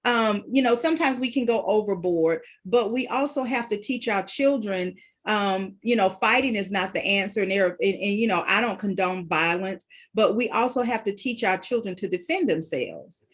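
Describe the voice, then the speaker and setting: A woman's voice: mid-range voice, moderate pace, hardly any pauses, slightly rough. A middle-aged woman hosting a radio talk show, telling a personal story in a casual way and acting out the quotes, with a lot of "you know" fillers. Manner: retells events with acted-out quotes, many "you know" fillers.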